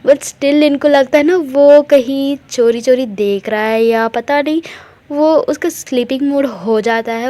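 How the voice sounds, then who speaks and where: A woman's voice: on the high side, dark tone. A woman narrating a romance story casually, laughing often and acting out the dialogue.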